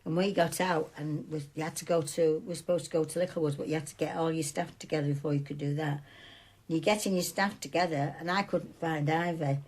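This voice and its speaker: An older woman talks in a rambling, chatty way, as if telling a story over tea. Her voice sits a little low for a woman. She is being interviewed as a former shop supervisor. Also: fairly even intonation, fast talker, darkish tone. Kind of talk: conversational interview recollection.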